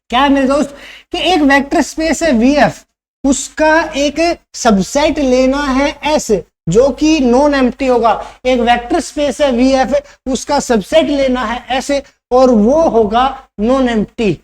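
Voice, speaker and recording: A man's voice: very high voice, measured pace. A man teaching a math lesson for exam preparation. He explains step by step, repeats key points, asks rhetorical questions and keeps checking that the viewer follows. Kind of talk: online exam-prep math lecture.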